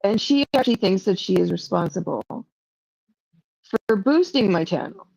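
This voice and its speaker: Rambling, emotional woman streamer with a gravelly voice. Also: mid-range voice, expressive, moderate pace, darkish tone, dry recording, poor audio. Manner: rambling, emotional, self-doubting; frequent "like" fillers. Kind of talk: casual livestream talk to chat.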